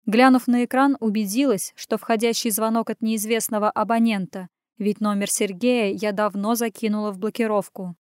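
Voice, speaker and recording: Smooth-voiced woman narrating a story. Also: medium pitch, steady tone, moderate pace, few pauses, darkish tone, no echo, studio quality. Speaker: audiobook narrator. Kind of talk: first-person scripted narration.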